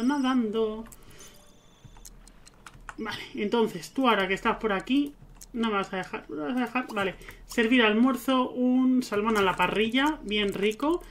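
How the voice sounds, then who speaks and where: A man's voice: high-pitched, a bit bright, slight background noise. A man giving casual gameplay commentary, chatting to his game characters. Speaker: let's play gamer.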